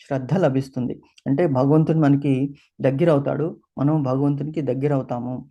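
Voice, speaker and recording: A man's voice: mid-range voice, steady tone, normal speed, mellow, muffled recording. A man giving a scripture discourse as a spiritual teacher, asking and answering his own questions and slipping English phrases into his talk.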